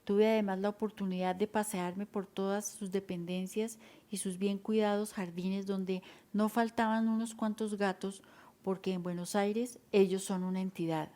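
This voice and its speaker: Female audiobook reader for a literary memoir, soft dark tone, mid-range pitch. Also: little pitch movement, moderate pace. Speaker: audiobook narrator. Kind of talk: read-aloud literary memoir narration.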